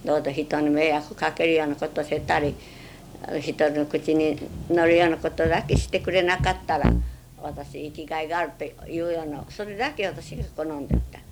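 Low-voiced elderly woman with western Japanese dialect. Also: steady tone, fairly quick, music in the background, low-quality recording. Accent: western Japanese, Chugoku dialect. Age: 70s or older. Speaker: oral history interviewee. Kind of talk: reminiscing in conversational interview.

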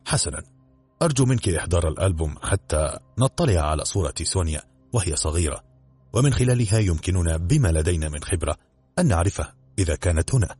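A man voicing a sharp, blunt police inspector who questions people closely, in a storybook reading. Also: deep voice, lively intonation, quick pace, husky, faint music behind. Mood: probing.

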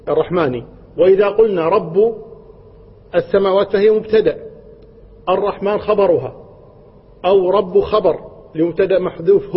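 A man's voice: high voice, breathy edge. A man giving a religious lesson on Quran verses, explaining patiently, repeating key points and posing rhetorical questions. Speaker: Quran teacher. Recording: dull lo-fi recording with long hall reverb.

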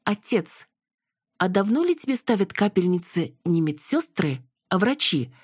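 A woman reader voicing a defiant young daughter, raised in pitch and urgent in manner. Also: very animated, measured pace, slightly rough, no echo. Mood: suspicious. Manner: pleading, then shouting in alarm.

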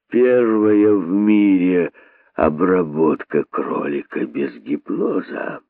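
A man's voice: deep voice, creaky, no room sound, exaggerated voice. An actor reading an audiobook, voicing a hateful old male boa who talks in a heavy, brooding, hissing way, on tinny phone-like audio. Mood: weary.

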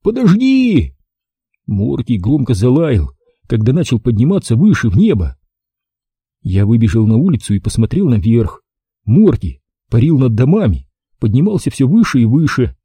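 A man narrating an audiobook in a lively, expressive storytelling manner. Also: mid-range voice, normal speed, husky, no echo.

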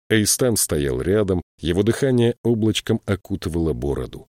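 A male narrator reading a fantasy novel aloud, with a low voice that rises and falls a great deal. The reading is measured and expressive, recorded close on a very dry mic. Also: dry recording. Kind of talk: scripted audiobook narration.

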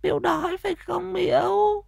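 A man voicing a simple-minded young madwoman who speaks in short, broken, childlike phrases in a creaky, high, strained voice. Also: steady tone, normal speed, no echo, clean studio sound, heavily acted. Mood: pleading, simple. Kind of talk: storytelling narration.

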